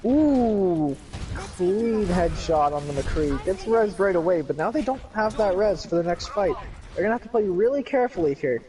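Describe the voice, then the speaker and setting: A man giving live play-by-play commentary on an esports match, with excited calls and joking asides. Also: high voice, normal speed. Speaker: esports caster.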